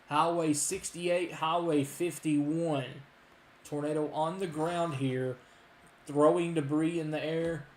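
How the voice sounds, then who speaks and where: A man giving urgent live storm warning commentary, often halting and thinking aloud as he tracks the weather. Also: fairly high pitch, darkish tone. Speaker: severe weather live streamer. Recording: roomy echo, faint background noise.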